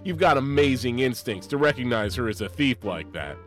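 A man's voice: medium pitch, a little fast, faint music behind, voice pushed up, close to an everyday voice. A man voicing an overexcited male security guard who gushes in a sing-song way. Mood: excited. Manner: excitable, sing-song, gushing.

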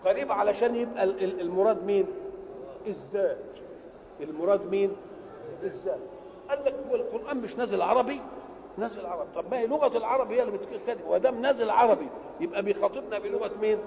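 An older religious scholar with an Egyptian Arabic accent gives a Quranic exegesis lesson, explaining a verse by asking rhetorical questions and answering them himself. He talks quickly with vocal fry and uneven loudness that often drops low. It is an old lo-fi hall recording with echo and slight background noise.

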